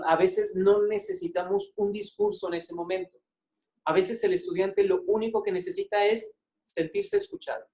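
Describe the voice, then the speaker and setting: A man's voice: high-pitched, darkish tone. A man, a psychologist giving a webinar talk to teachers, conversational and full of "eh" and "este" fillers, often checking in with his listeners. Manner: conversational, asks the audience frequent check-in questions.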